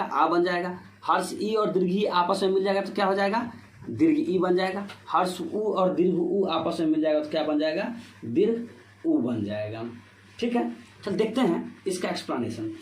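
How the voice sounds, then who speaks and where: A man teaching Hindi grammar for board exams, asking himself questions and filling with "ठीक है" as he explains step by step. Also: sits high. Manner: repetitive rhetorical questions, "ठीक है" fillers. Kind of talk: board-exam grammar lesson. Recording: echoey room with faint noise.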